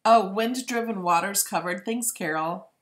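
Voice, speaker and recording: A woman with a medium-pitched voice hosts a casual live stream. She talks informally, as if thinking aloud, and addresses her viewers directly in a chatty way. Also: normal speed, a bit bright.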